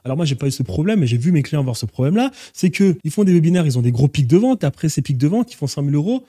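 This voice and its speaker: A man's voice: fairly high pitch, sing-song, rapid-fire, dark tone, husky, dry recording, studio quality. A man coaching viewers on online sales, talking emphatically and asking rhetorical questions straight at them. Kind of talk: instructional talk to camera.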